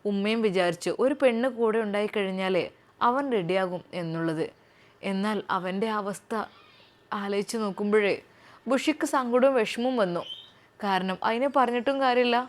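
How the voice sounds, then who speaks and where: A woman telling a story in an emotional, expressive way. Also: fairly high pitch, normal speed. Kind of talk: storytelling narration.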